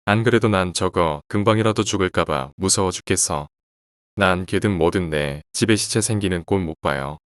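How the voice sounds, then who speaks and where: A sharp-tongued middle-aged housewife scolding and brushing others off, as a male narrator reads her lines. The voice sits very low. The sound is dry and close, with no room around it. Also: normal speed, no echo, close to an everyday voice. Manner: scolding, dismissive. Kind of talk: horror story reading.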